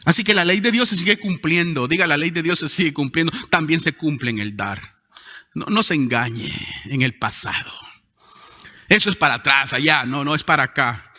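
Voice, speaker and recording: High-pitched, bright-voiced preaching man. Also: normal speed. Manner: emphatic preaching with sharp rises in pitch and volume. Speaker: pastor. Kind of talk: sermon. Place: church hall. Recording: long hall reverb.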